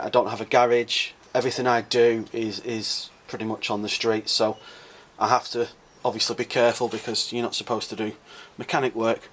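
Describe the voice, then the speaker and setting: A man with a croaky voice, casually explaining a car modification for his vlog, thinking aloud with plenty of uhs and ums. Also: mid-range voice, fairly bright tone. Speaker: car modding vlogger.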